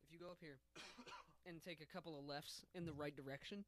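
A young man chats on a podcast in a loose, profane way and laughs a lot. His voice sits a little high, with a faint hiss of noise behind it. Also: steady tone, a little fast, a bit bright. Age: 20s. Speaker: podcast co-host. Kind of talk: casual podcast chat.

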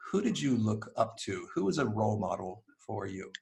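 A man hosting an interview podcast, asking questions in a friendly, measured way. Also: lowish voice, sing-song, gravelly, darkish tone. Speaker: podcast host.

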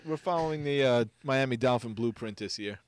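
New guy, clear voice, dry studio sound, bantering about sports and poking fun at himself. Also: mid-range voice, brisk, dry recording. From Queens, New York. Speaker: sports show co-host.

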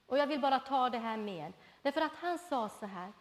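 A middle-aged woman preaching a sermon, telling personal stories in a lively way and acting out the voices she quotes. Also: sits high. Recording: reverberant hall.

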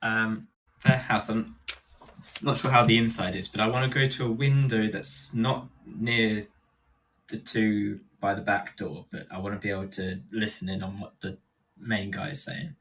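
A man playing in a tabletop game, casual and quick to laugh. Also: lowish voice, fairly even intonation, a bit bright, recorded from a distance, slight background noise, low-quality recording. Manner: casual, swears, laughs easily. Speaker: player.

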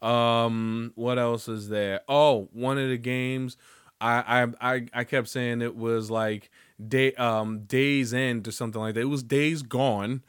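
A man's voice: medium pitch, steady tone, slow, clear, resonant tone, no echo, clean studio sound. A man hosting his own podcast, rambling loosely with lots of swearing and jokes. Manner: rambling, profane, loose and joking. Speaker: podcast host. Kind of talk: casual solo podcast monologue.

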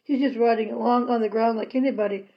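A sensible older pioneer sister from a storybook, read by a woman, setting things straight in a gentle, level tone. The voice sits fairly high and the recording sounds a little muffled. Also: steady tone, quick pace, lightly acted. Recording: slightly dull lo-fi recording.

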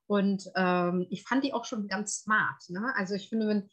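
Woman podcast co-host, chatty, filler-heavy, casual review talk, mid-pitched. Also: unhurried, a bit bright.

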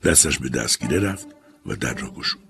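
A man narrating an audiobook story in a measured, calm storytelling manner. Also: very deep voice, creaky, husky. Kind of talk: scripted narration.

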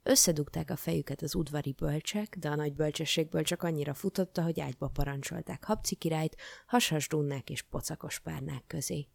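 A woman reading a children's fairy tale aloud in a lively, playful way. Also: sits low, gravelly, hardly any pauses, no echo. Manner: expressive, playful. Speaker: storybook reader. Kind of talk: lively storybook narration.

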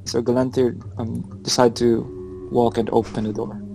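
A male tabletop player who talks very slowly, feeling his way through each sentence with ums and restarts. Faint music sits behind him. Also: mid-range voice, flat delivery, gravelly, warm tone, poor audio. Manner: hesitant, many ums and restarts. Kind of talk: tabletop role-play chat.

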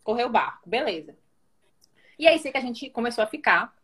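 A woman's voice: a little high, expressive, fairly quick, fairly bright tone, slightly rough. A woman with a Brazilian Portuguese accent telling a personal story in casual chat, dramatically acting out the dialogue.

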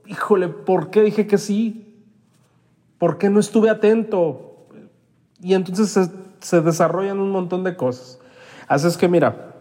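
A man's voice: fairly high pitch, a little mellow, long reverb tail. A man giving a motivational self-help talk as a podcast host, coaching listeners and having them repeat phrases after him.

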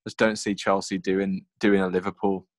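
A man's voice: low voice, level tone, moderate pace, no echo, clean studio sound. A man co-hosting a casual football podcast, chatty and self-mocking. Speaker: podcast co-host.

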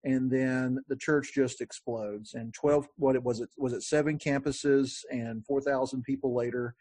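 A man hosting a podcast in a relaxed, conversational way, with frequent fillers and restarts. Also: medium pitch, moderate pace, slightly rough, no echo. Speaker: podcast host. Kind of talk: casual podcast talk.

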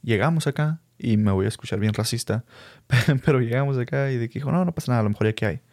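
A young man with a Mexican Spanish accent tells a personal story casually, talking fast at medium pitch. He is a lively storyteller who laughs and acts out the people he quotes. The recording is dry and studio quality.

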